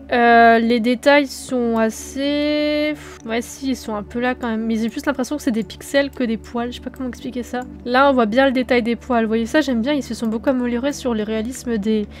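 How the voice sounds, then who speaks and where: A young woman with a French accent, chatting calmly and casually over her gameplay, with lots of small fillers. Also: on the high side. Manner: calm, relaxed, chatty with many fillers. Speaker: gaming youtuber.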